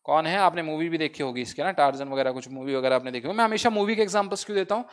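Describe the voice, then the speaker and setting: A man's voice: fairly high pitch, rapid-fire. A man teaching English vocabulary for an exam-prep class, asking questions and answering them himself, spelling words out letter by letter. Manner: mixes English phrases into his teaching. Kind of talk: online exam-prep lesson.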